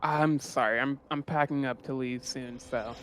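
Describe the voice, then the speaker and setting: A man's voice: medium pitch, fairly even intonation, moderate pace, a bit bright, a little hiss or hum, close to an everyday voice. A man doing a curt, impatient shaman woman. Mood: brusque. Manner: curt, dismissive. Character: brusque female shaman merchant, impatient. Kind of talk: improvised tabletop role-play.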